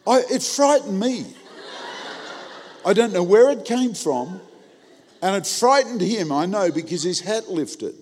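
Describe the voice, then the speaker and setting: A man preaching a humorous sermon, telling a story with acted-out quotes and sudden loud bursts. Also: high voice, unhurried, pauses often, in a large hall. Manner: animated, comic, acts out quotes with big jumps in loudness.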